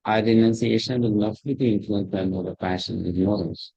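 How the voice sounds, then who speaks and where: A man's muffled voice comes through as if from behind a wall, low and gravelly, over a dull and dry computer microphone. He lectures on a video call in halting phrases, stopping and restarting his sentences. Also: steady tone, mellow, no room sound. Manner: halting, with frequent restarts and fillers. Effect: muffled, as if heard through a wall. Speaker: teacher leading an online scripture class. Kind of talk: lecture with questions to students.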